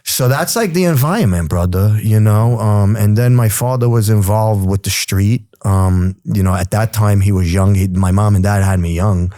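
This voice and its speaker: A man's voice: lowish voice, moderate pace, hardly any pauses, no room sound, studio quality. Streetwise New York man in his forties. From New York City. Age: 40s. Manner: streetwise, animated, says "bro" and "you know". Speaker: guest. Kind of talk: casual storytelling interview.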